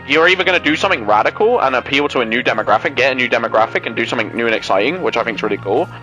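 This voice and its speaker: A young man hosting a gaming channel, chatting casually over gameplay in animated, rambling rants full of swearing and filler words. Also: mid-range voice, racing, faint music behind.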